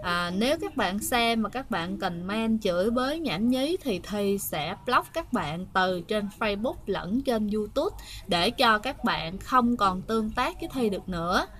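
A woman's voice: medium pitch, animated, a little slow, a bit bright. A woman with a Southern Vietnamese accent telling ghost stories to her viewers in a chatty, hesitant way, often turning to address the listeners. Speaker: ghost story host. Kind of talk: casual spoken storytelling to viewers.

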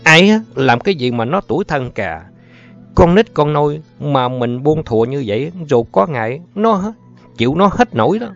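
A man voicing a brusque, impatient adult man who grumbles and scolds quickly. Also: fairly high pitch, very animated, gravelly, pitched above the performer's own voice. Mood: scolding. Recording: muffled audio with faint music.

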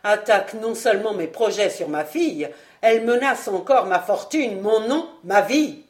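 A woman voicing a scheming nobleman who commands his servants, speaking slowly and weighing each word, pitched lower than her own voice. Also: lively intonation, close to an everyday voice. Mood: desperate, heated.

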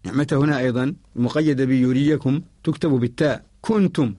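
A man with a Mauritanian accent teaching a poem on Quran spelling in a radio lesson. He explains in a measured, methodical way and repeats set phrases. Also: medium pitch, warm tone, dry recording, studio quality. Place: radio studio.

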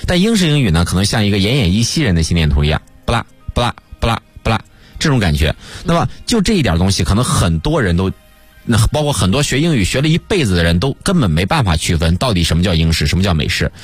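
Deep-voiced husky male teacher, fast and animated, radio guest, dry studio sound. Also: no room sound, soft background music. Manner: lively storyteller, mimics English accents. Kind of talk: radio talk show chat.

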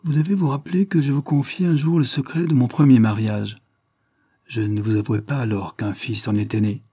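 A man reading the part of an older lord, mocking and secretive, speaking in a wry, measured way. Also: mid-range voice, steady tone, mellow, slightly rough, no room sound, clean studio sound.

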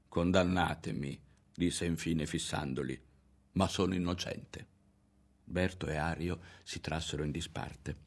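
A man narrating a literary novel aloud in a measured, grave manner. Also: low voice, vocal fry, breathy edge. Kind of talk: literary audiobook reading.

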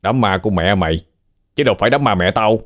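A man's voice: lowish voice, expressive, fast, fairly bright tone. A man voicing a menacing thug who barks threats. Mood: threatening. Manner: barking threats. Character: menacing male thug, loud and bullying.

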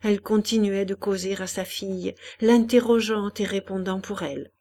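A woman reading a novel aloud as an audiobook narrator, in a measured, hushed manner. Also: medium pitch. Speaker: audiobook reader.

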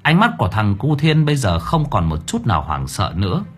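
A male narrator telling a supernatural tale with dramatic, expressive delivery. His voice is husky and breathy, and it moves lively up and down in pitch. Soft music plays faintly behind him. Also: brisk. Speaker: audiobook narrator. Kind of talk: storytelling narration.

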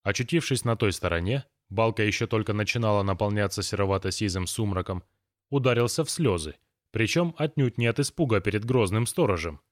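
A male narrator reads a novel aloud in an even, gently ironic manner. His voice is low, recorded close and dry with no room sound. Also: brisk, no echo. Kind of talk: audiobook narration.

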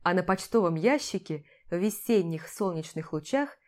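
Expressive woman narrating an audiobook. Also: on the low side, normal speed. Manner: expressive, lifts voice for shouted quotes. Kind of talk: scripted first-person narration.

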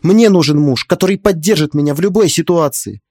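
A man's voice: animated, moderate pace, darkish tone, no room sound, studio quality. A man voicing a young pregnant woman who pleads and insists through tears, in an audiobook reading. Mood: tearful insistent. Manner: pleading, high-strung, insistent.

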